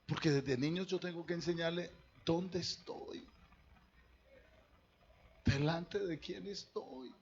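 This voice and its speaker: A man's voice: on the high side, slow, long pauses, husky, dull audio. A man, a pastor preaching a sermon to his congregation in a conversational way, talking straight to them. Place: church.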